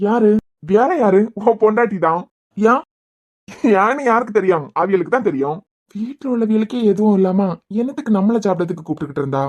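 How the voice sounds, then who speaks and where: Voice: mid-range voice, lively intonation, fairly quick, a little mellow, dull audio, lightly acted. A performer voicing a grumbling cartoon family man with a Kanyakumari Tamil accent, needling and bantering. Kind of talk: cartoon web series dialogue.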